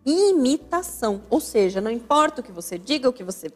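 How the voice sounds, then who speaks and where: This is a woman with a high, bright-pitched voice, hosting a radio program about family. She explains in a didactic, emphatic way and hammers points home by repeating words. Soft music sits faintly beneath her. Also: very animated, fairly quick. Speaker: radio show host and family counselor. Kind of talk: radio talk on family life. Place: radio studio.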